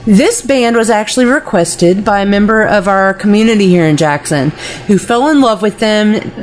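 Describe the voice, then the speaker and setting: A woman's voice: medium pitch, normal speed. A woman co-hosting a radio show, chatty and gushing, swearing freely and apologizing for her hiccups. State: has the hiccups. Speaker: radio co-host and festival organizer. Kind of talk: casual chat, heavy swearing.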